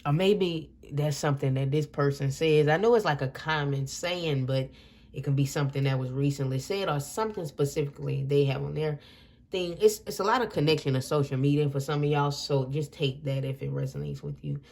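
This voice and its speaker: A woman's voice: low-pitched, a little fast, vocal fry, a little mellow. A woman giving a casual tarot reading to her viewers, rambling a little and repeating and correcting herself as she goes. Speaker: tarot reader.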